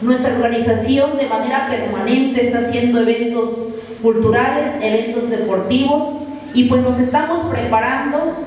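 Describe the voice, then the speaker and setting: Woman, thirties, Mexican accent, organizer's public address, higher voice, heavy room echo. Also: normal speed, a little mellow. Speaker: cultural organizer. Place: large hard-walled indoor room. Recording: echoey room, distant voice.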